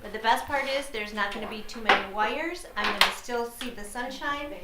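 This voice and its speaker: A woman's voice: fairly high pitch, a little fast. A woman chatting casually and unscripted about her own workspace, as the client being helped. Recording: echoey room with clear background noise.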